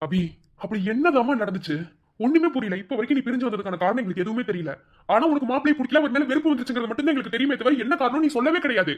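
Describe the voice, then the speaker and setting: A voice actor doing a gentle worried cartoon father. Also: medium pitch, lively intonation, very fast, dull audio, natural voice. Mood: concerned. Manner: coaxing, questioning. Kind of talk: animated cartoon voice acting.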